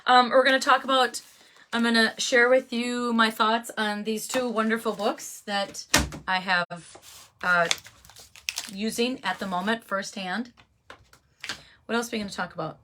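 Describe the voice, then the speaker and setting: A woman's voice: on the high side, fairly even intonation, unhurried, pauses often, noisy background. A middle-aged woman, hosting a casual livestream in a chatty, folksy way and greeting viewers by name. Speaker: livestream host selling handmade crafts. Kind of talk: casual live chat.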